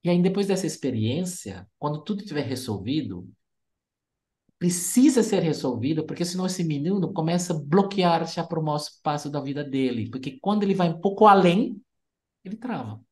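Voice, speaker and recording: A speaker, calmly explaining family dynamics and telling teaching stories on a podcast. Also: normal speed. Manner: gentle, didactic, pitch rising and falling. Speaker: family constellation therapist guest. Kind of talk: explanatory storytelling.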